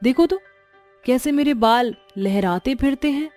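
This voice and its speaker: A woman voicing a vain, boastful young daughter-in-law who teases her mother-in-law in an animated storybook. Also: high-pitched, a little slow, soft background music. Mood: teasing. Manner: teasing, boastful.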